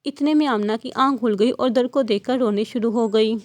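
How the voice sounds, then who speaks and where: Female audiobook narrator, steady, expressive, slightly high voice. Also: dry recording. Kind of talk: audiobook novel reading.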